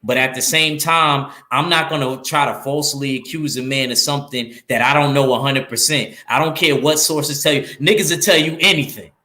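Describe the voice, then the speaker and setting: A medium-pitched man with a New York accent talks a little fast with few pauses, his voice reverberant. Co-hosting a casual boxing show, he argues animatedly and emphatically, repeating himself for effect.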